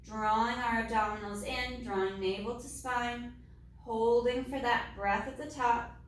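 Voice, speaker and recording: A woman leading a Pilates mat class, calmly cueing each movement step by step. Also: a little high, measured pace, slight background noise. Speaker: Pilates instructor. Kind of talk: guided exercise class. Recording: very echoey room, mic far off.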